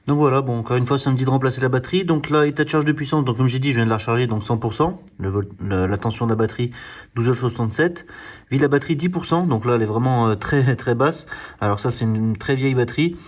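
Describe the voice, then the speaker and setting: A man who hosts a car channel talks at a quick pace in a mid-range voice. He's reviewing a diagnostic tool with a hands-on, explanatory demonstration, often hesitating with fillers and starting words over.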